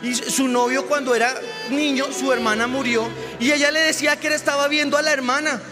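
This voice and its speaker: A man preaching a sermon as a pastor, telling a personal story with animated delivery that rises to shouted exclamations. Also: very high voice, brisk, in a large hall, over music.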